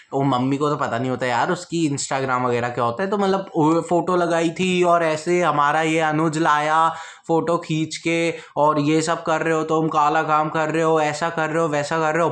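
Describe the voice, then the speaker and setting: A man's voice: on the high side, a bit bright. A young man telling a casual storytime vlog story, speaking bluntly and slangily and talking straight to his viewers. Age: young adult.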